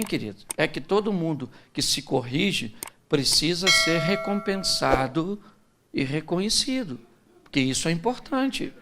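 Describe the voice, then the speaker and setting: Speaking with a Brazilian Portuguese accent, a man preaches about relationships in a chatty, funny style, talking straight to the people in front of him. His voice is a little high with a sharp edge.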